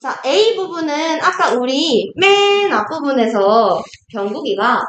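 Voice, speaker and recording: A woman tutoring a class in Korean literature, lecturing briskly and acting out characters' lines as she explains, with questions to her students. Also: high voice. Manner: lively, acts out characters' lines in quotes, asks students questions. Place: classroom at a cram school. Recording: echoey classroom, faint noise.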